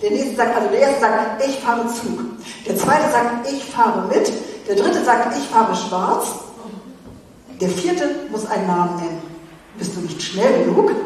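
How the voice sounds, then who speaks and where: A woman's voice: fairly high pitch, a little mellow, a little hiss or hum. A woman preacher giving a chatty youth sermon, talking straight to the youngsters and laughing often. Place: church. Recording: echoey church hall from far off.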